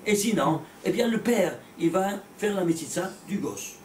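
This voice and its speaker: High-voiced rabbi lecturing in an echoey room. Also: male voice, normal speed, far from the mic, a little hiss or hum. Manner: animated, rhetorical questions, repeats words, blunt asides. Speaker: rabbi teaching a class. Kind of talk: lively religious lecture to a small class. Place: classroom with students.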